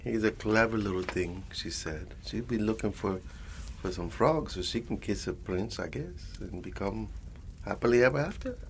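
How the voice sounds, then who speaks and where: In an ASMR roleplay, a man voices a loving elderly grandfather with a Latin American Spanish accent, softly telling a bedtime story while rambling, repeating terms of endearment, and moving between Spanish and English. His voice is fairly low and animated at a normal speed, with a patient storytelling mood. The recording is low quality, with slight background noise.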